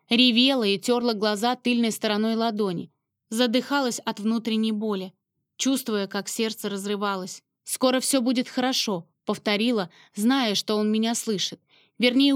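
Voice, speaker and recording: A woman's voice: on the high side, no room sound, clean studio sound. A woman narrating a first-person romance novel with emotional, dramatic storytelling. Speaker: audiobook narrator.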